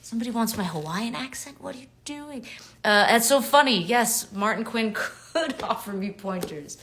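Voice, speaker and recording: Signing autographs on a livestream, a New York woman in her thirties talks to fans in a relaxed, cheerful way, full of fillers and soft murmurs as she writes. Her voice is a little high and animated, at a normal speed, with slight background noise.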